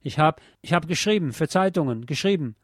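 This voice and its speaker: A man's voice: on the high side, expressive, brisk, no room sound, studio quality, voice pushed up. A man voicing a small, shrunken, ferret-faced soldier who grumbles and stammers in fear in a read-aloud story. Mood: frightened. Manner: grumbling, then stammering and trembling.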